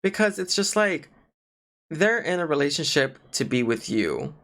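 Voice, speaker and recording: A man's voice: a little high, moderate pace. A young man co-hosting a casual podcast, talking in a rambling way full of "like" fillers. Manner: rambling, lots of "like" fillers, animated. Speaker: podcast co-host. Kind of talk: casual chat.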